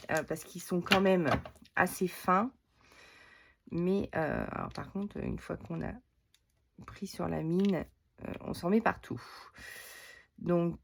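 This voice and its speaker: A woman's voice: on the low side, vocal fry, a little mellow. A woman vlogging a casual craft haul at her table, thinking aloud with lots of hesitations as she demonstrates products. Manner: reads out product details while handling items.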